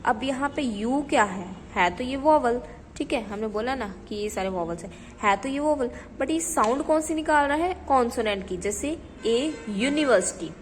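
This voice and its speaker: A woman teaching English grammar in a lesson, reading examples slowly and asking rhetorical questions as she goes. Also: on the high side, expressive, long reverb tail, a little hiss or hum, rough recording. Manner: slow, deliberate reading of example sentences; checks understanding with repeated rhetorical questions. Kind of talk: classroom lesson explaining grammar.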